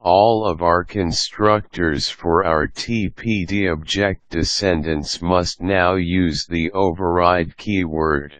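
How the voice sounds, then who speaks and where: A man with a very deep voice reads a technical article as scripted narration. He keeps an unhurried, measured pace and a formal, even delivery. The sound is dry and close, with no room around it. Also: no room sound. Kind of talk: scripted reading of a programming article.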